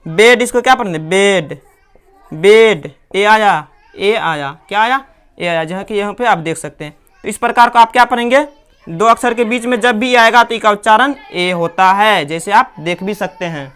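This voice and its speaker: A woman's voice: mid-range voice, moderate pace, fairly bright tone, smooth. A woman with a Hindi accent teaching English pronunciation, asking questions and answering them herself over and over. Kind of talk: classroom lesson.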